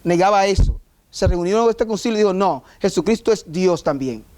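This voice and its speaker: A man's voice: high-pitched, expressive, fairly quick, a little mellow. A man preaching a sermon as pastor, emphatic and full of rhetorical questions. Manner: emphatic, rhetorical questions, mock voices of objectors.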